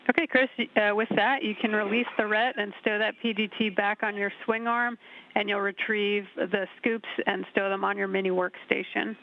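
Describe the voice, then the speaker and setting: Brief: mission control communicator giving calm step-by-step instructions, gravelly tone, faint hiss of a sci-fi communicator link. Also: medium pitch, moderate pace. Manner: steady, even instructions. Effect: radio loop transmission, like a sci-fi communicator. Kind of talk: calm procedural radio instructions. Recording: dull, faintly noisy radio feed.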